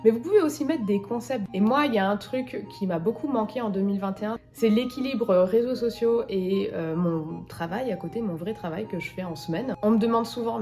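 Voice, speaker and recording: A woman's voice: medium pitch, a little mellow. A bubbly, chatty young woman, talking casually to camera in her vlog. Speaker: content creator.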